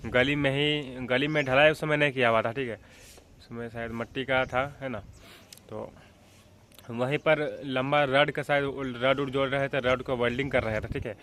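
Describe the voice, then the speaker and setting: A young man from Jharkhand, India, vlogging a casual childhood story in a rambling way, often checking in with the listener and clearing his throat. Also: mid-range voice, fairly bright tone. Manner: rambling, with frequent filler checks like "theek hai" and "hai na".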